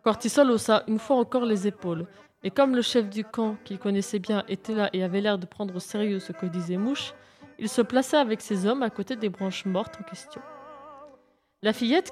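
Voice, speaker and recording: A woman narrating a children's adventure story aloud in a steady, clear reading voice. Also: mid-range voice.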